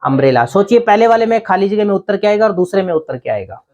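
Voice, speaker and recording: A man's voice: high-pitched, sing-song, rapid-fire, darkish tone, lo-fi sound. Guy teaching grammar class, asks his own questions then answers em, keeps checking "thik hai na". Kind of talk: grammar lesson.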